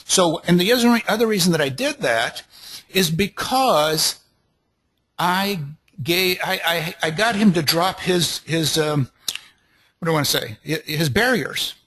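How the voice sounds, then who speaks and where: A man with a slightly high, husky voice runs a network marketing training. His pitch is eager and salesy, and he circles back over the same points again and again. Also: measured pace, fairly bright tone, low-quality recording. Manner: enthusiastic, repetitive, salesy pep talk. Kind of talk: recorded sales training talk.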